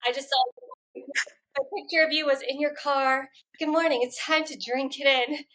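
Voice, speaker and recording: Relaxed, joking woman podcast guest. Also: high-pitched, moderate pace, low-quality recording. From Poland. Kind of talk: casual interview chat.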